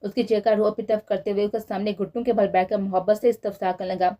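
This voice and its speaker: A woman narrating a romance novel in a steady storytelling manner. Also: mid-range voice, fast. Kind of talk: novel reading.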